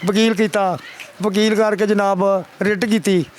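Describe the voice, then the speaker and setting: A man's voice: high-pitched, level tone, unhurried, a little hiss or hum. An older man with a Pakistani Punjabi accent, giving a pleading, repetitive account to a reporter and often calling the listener sir. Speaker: complainant father. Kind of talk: emotional testimony to a reporter.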